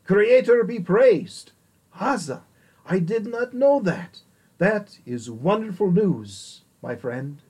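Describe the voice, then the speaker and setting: A man's voice: medium pitch, animated, measured pace, warm tone, husky, low-quality recording. A man voicing a devout male ambassador who speaks earnestly and formally in an audiobook reading. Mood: joyful. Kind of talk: audiobook character voice.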